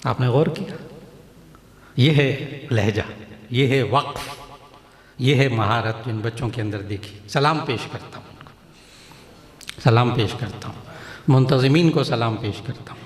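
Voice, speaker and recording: A man gives a teaching address in a large mosque hall, his voice sitting at a middle pitch. He spells out each point slowly and repeats key phrases as he demonstrates them. The sound rings with long, roomy reverb from the hall. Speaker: cleric addressing a recitation contest. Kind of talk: explanatory address to an audience.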